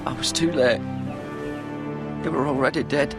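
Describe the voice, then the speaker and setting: A man's voice: mid-range voice, fairly even intonation, normal speed, close to an everyday voice. An actor playing a young male squire in a video game, earnest and grim. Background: game music.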